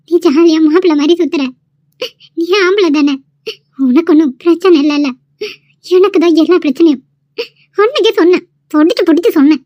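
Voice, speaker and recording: A woman's voice: extremely high pitch, no room sound, highs cut off. A woman voicing a frightened, tearful young female college student in a cartoon, pleading and accusing. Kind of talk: cartoon voice acting.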